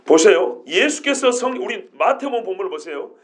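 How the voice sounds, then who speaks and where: A male pastor preaching an expository sermon, animated, throwing rhetorical questions at the congregation. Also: high voice, a little fast.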